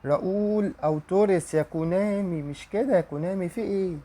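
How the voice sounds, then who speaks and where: Young Egyptian gamer, slightly high-pitched, hopeful and pleading while opening packs. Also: male voice, fast talker. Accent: Egyptian Arabic. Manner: pleading and excited, repeating wishes aloud. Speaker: gaming YouTuber. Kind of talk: pack-opening commentary.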